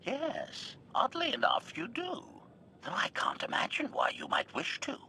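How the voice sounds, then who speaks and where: An actor playing a deadpan male assassin droid in a video game, with a smooth robotic filter on his voice and a clipped, formal way of announcing each remark with a one-word label. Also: very high-pitched, unhurried, a little hiss or hum, heavily acted. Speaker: bodyguard droid.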